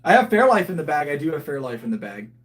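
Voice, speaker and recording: A powerlifter in his thirties chats casually on a livestream, reading and answering viewer comments, often restarting sentences as he thinks aloud. His voice is a little high, very animated and fast.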